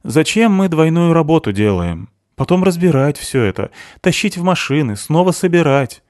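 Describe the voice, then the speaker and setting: Guy reading a grumbly worker dude, higher and strained. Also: big pitch swings, moderate pace, a little mellow, dry recording, studio quality. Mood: grumbling. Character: grumbling working man hauling heavy parts.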